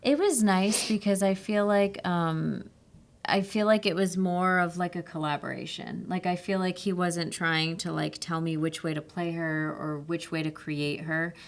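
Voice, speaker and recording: Gravelly-voiced woman actress chatting. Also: lowish voice, measured pace. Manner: animated, laughing storyteller with "like" fillers. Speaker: actress guest. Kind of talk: casual podcast interview.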